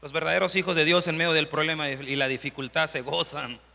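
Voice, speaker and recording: A man preaching a sermon, his voice high and gravelly with a sharp, bright tone. He acts out quoted prayers and climbs into impassioned shouting. A long reverb trails after his words, recorded in a church hall. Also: fairly even intonation, brisk.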